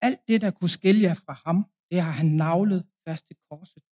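A man's voice: high voice, mellow, muffled recording. A man preaching a confirmation sermon in a Danish accent, telling a plain story with fillers and restarts.

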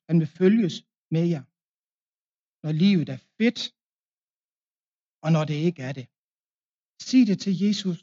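Dark-voiced Danish preacher. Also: male voice, a little high, dull audio. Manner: plain storytelling with many fillers and restarts. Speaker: preacher at a confirmation service. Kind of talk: sermon.

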